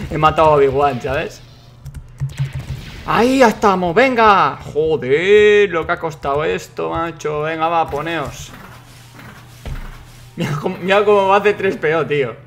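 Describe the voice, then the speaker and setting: A young man commentates a video game, excitable and quick to swear and shout at what happens on screen. His voice sits a little high for a man. Faint game music plays underneath. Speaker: gaming YouTuber. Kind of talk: let's play commentary.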